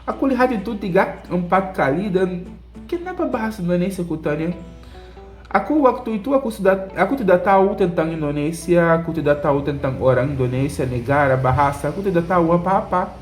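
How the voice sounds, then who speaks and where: A man's voice: a little high, fairly quick, soft background music. A young man from Brazil with a Brazilian Portuguese accent tells a casual story as a vlog host, speaking as a foreigner in a learned second language with simple, repetitive phrasing. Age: young adult.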